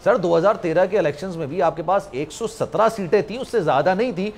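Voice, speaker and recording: A man hosting a political talk show, asking brisk, pointed questions. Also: high voice, faint music behind. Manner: brisk, leading questions with frequent affirmations. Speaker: news talk show host.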